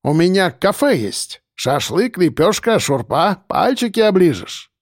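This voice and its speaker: A chatty, hospitable cab driver with a light Caucasus accent, as an audiobook reader puts him on. He talks warmly and stays unflappable, his voice lifted up high and swinging lively. The reading sounds close and dry. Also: unhurried, no room sound, exaggerated voice. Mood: friendly, hospitable. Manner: warm, chatty, unflappable, calls people dear. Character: cheerful hospitable middle-aged male cafe owner driving a cab. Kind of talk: audiobook character voice.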